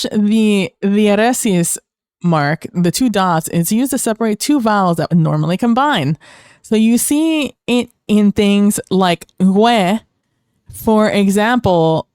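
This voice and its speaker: A woman's voice: mid-range voice, darkish tone, clear, resonant tone, no room sound, clean studio sound. A young woman who grew up speaking Spanish, chatting casually on a livestream as she reads chat aloud and rambles. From Mexico. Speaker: streamer.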